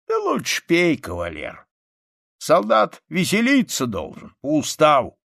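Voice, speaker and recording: A man's voice: fairly high pitch, huge pitch swings, unhurried, gravelly, a bit bright, no room sound, clean studio sound, voice pushed up, heavily acted. A man voicing a mocking, skeptical peasant who owns the hut, in an audiobook reading. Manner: mocking, sardonic.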